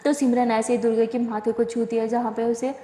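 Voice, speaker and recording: A woman's voice: a little high, flat delivery, fairly quick, mellow. A woman telling a love story in a chatty, casual way and correcting herself as she goes. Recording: echoey room with long reverb.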